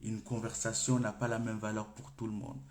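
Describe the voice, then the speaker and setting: In an echoey room, a personal development coach whose first language is Comorian gives an unscripted French coaching talk to camera. His voice is lowish, level and a little mellow, and he speaks fairly quickly. He thinks aloud informally, often stopping and restarting his phrases.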